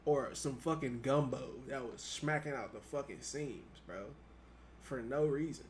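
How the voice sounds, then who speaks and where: A young man co-hosting a casual podcast with friends, loud, profane and excitable, often breaking into laughter. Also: mid-range voice, a little slow, slight background noise. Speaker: podcast co-host. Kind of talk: casual chat among friends.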